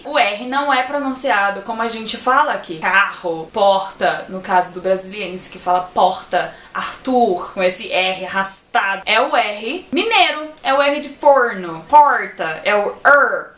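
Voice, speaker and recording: A Brazilian woman teaching English pronunciation in a casual online lesson, lively and full of examples. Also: fairly high pitch, roomy sound. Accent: Brazilian Portuguese.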